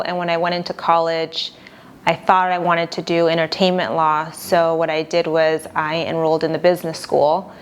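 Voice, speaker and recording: A young Argentine attorney answers interview questions calmly, in a measured, plain-spoken manner. Her voice is low-pitched.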